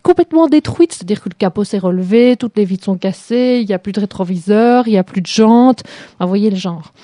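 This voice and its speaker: A chat-show host, she ridicules a TV series with frequent laughter and sarcastic jabs in relaxed critical banter. Her medium-pitched voice has a dark tone and a fairly quick delivery, recorded at studio quality with no echo.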